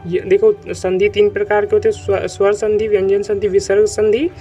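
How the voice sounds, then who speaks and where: This man's voice sits high, with a level, mellow tone and a brisk delivery. He runs an online grammar class, going over points more than once and making sure learners keep up, on a dull lo-fi track with faint music.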